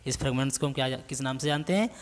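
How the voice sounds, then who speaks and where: A male teacher gives an exam-prep biology lecture at a middle pitch. He reads notes out slowly, then asks questions and answers them himself. The room adds a long, ringing reverb. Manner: dictates notes slowly, then explains and quizzes with repeated questions.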